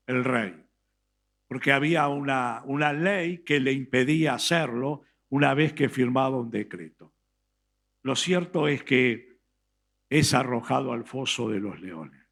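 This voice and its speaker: Slow, gravelly Argentine preacher. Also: male voice, mid-range voice, fairly bright tone. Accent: Argentine Spanish. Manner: emphatic storytelling with dramatic pauses; reads scripture aloud slowly. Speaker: pastor. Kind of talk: sermon.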